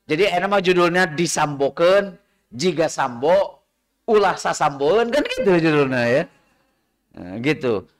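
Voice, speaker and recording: A man's voice: a little high, big pitch swings, unhurried. A middle-aged man with a Sundanese accent giving a religious study talk, telling chatty anecdotes and slipping between Indonesian and Sundanese. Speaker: Islamic lecturer.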